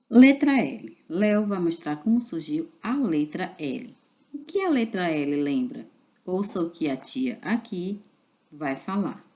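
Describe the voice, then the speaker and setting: Slow, low-voiced woman teaching children. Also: darkish tone, dull audio. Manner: slow, patient, spelling out syllables for children. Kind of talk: reading a children's literacy lesson aloud.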